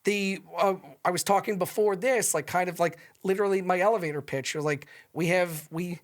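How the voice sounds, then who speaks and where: A nasal, high-pitched man appears as a podcast guest in a casual interview chat. He talks a little fast, loosely and rambling, with lots of fillers.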